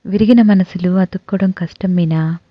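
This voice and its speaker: A woman reading an audio novel, voicing a calm young man who speaks in a low, quiet, measured way. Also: no echo, natural voice. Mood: reserved. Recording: dull dry recording.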